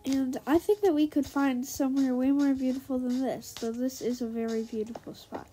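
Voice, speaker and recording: A woman's voice: high voice, normal speed, a little hiss or hum. A young woman with a sick, nasal voice chatting casually to viewers over her gameplay. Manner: chatty, easily excited, talks to viewers. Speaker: Minecraft let's player.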